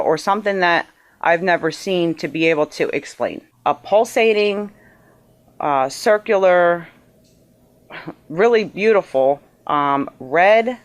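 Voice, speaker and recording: A woman giving an emotional personal testimony as an eyewitness, halting and earnest, with many fillers and restarts. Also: lowish voice. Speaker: eyewitness interviewee.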